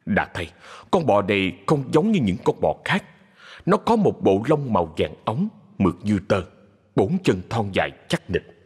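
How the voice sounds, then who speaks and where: A man narrating a ghost story in a measured, expressive storytelling voice. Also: on the low side, breathy edge.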